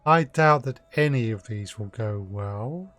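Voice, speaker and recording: A man's voice: mid-range voice, animated, a little slow, fairly bright tone, faint music behind. A man streaming a video game, commenting live and reading dialogue aloud.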